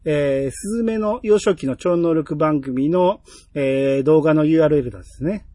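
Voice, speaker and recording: A man with a Kansai accent, co-hosting a casual podcast chat about a TV drama, telling scenes in a lively way. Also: a little high, moderate pace, no echo. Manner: chatty, animated storytelling with acted-out quotes. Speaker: podcast co-host.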